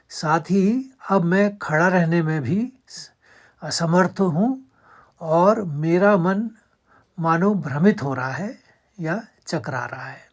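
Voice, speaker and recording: Female recitation teacher, low-pitched and unhurried; chants lines slowly, patient step-by-step coaching. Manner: chants verse lines slowly, then explains in quick asides. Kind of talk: verse recitation lesson.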